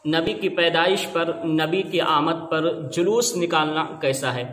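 A man's voice: a little high, a bit bright. A man preaching an emphatic, argumentative religious lecture. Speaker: Islamic preacher. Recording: echoey room with long reverb.

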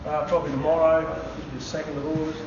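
An excitable Australian man, a shop owner who hosts his own channel, chats casually through an unboxing in a roomy motorcycle showroom beside open doors. His voice sits a little high and moves fast, with cheery whoops, but he's far from the mic, so the recording sounds muffled and roomy under loud background noise.

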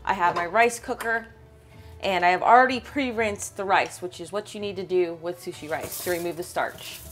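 A woman's voice: lowish voice, moderate pace, soft background music. A young woman hosting a fishing and cooking vlog, enthusiastically explaining each step as she fillets fish and makes sushi. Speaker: fishing and cooking channel host.

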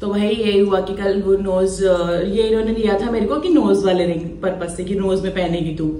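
A woman in her thirties chatting casually in a home vlog, talking to viewers and scolding her pets in a high, loud voice. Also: normal speed, echoey room. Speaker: vlogger.

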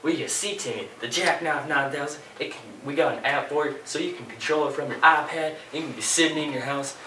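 A man's voice: on the high side, brisk, pushed and bright. Young man doing an infomercial hard sell salesman, echoey room. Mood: salesy. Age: teens to young adult. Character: older salesman pitching a gadget to a boy. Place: small bare indoor office room. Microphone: camera a few feet away. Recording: echoey small room, distant mic, faint noise.

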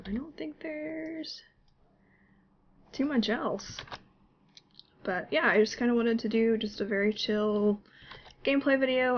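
A mid-range, congested voice belongs to a gaming YouTuber who has a cold; the recording is muffled with a little hiss or hum. She plays and chats casually, laughing in a self-deprecating way, speaking into a desktop mic with no webcam.

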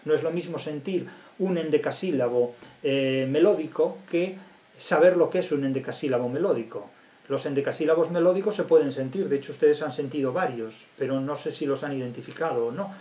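A man giving a lecture on literary theory as a professor, emphatic and deliberate, repeating phrases with pauses. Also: fairly high pitch, mellow, echoey room.

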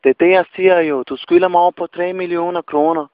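A man making a prank phone call, deadpan and nonsensical, repeating himself. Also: high voice, no room sound. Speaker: prank caller. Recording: tinny phone line.

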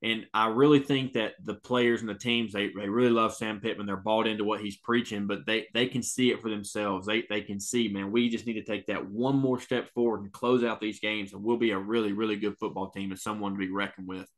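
Brisk and barely pausing, a college football podcast co-host speaks in a lowish voice with fairly even intonation. He's emphatic in the casual sports chat, repeats words, and uses "man" often.

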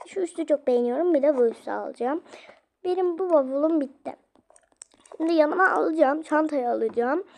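A woman's voice: high voice, a little mellow. A young woman narrating casually as she plays, chatting straight to her viewers. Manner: chatty, addressing viewers directly. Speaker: vlogger. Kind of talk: casual game play narration.

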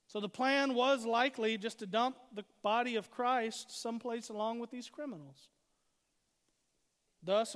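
A man with a fairly high voice delivers a sermon as pastor. He stacks short, punchy phrases to drive his points home. His voice rings out with a long reverb, as in a large hall. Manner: preaching with emphatic repetition and rising emphasis.

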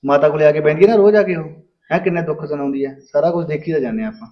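A man's voice: fairly high pitch, very fast, dull audio, close to an everyday voice. An actor playing a skeptical husband with a Punjabi accent, questioning his wife. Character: skeptical young husband, lecturing. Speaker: husband in a family drama. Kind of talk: Punjabi short film acting.

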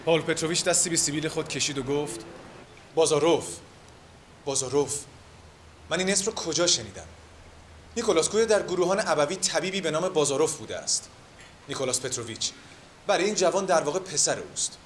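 An actor playing a man who reads a novel aloud in a measured, expressive way to a gathering. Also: a little high, slight background noise, natural voice. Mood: reading. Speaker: reader at a literary gathering.

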